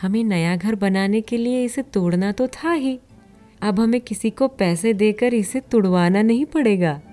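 A clever, hardworking village wife from a storybook tale, as a woman reads her. She speaks boldly and knowingly, in a mellow tone. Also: mid-range voice, measured pace, soft background music, natural voice.

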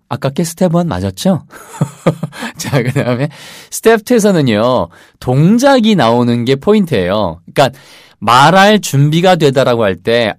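A man with a Korean accent teaching English in a casual lesson, drilling phrases slowly and rhythmically. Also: a little high, dry recording, clean studio sound.

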